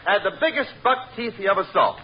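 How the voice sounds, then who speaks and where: Man as a skinny boastful ex-pitcher, wisecracks, high husky voice, dull old radio sound. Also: expressive, fast talker. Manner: breezy joke-telling guest. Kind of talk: 1940s radio comedy.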